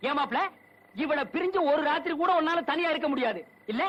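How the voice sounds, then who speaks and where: Menacing village patriarch. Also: male voice, extremely high pitch, brisk, highs cut off, very noisy. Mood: accusing. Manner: threatening, sneering, loud accusations. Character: menacing older village man, head of family. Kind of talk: 1980s film drama acting.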